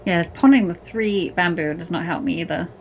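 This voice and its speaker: A woman's voice: on the low side, brisk, a little hiss or hum. A woman co-hosting a live mahjong stream, casually thinking aloud about her moves. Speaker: co-host and player on a mahjong stream. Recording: slightly dull, muffled stream audio.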